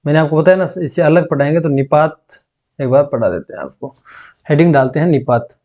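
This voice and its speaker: A man teaching an exam-prep grammar lesson, dictating slowly and repeating phrases so students can take notes, often checking in with them. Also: a little high, a little mellow, highs cut off.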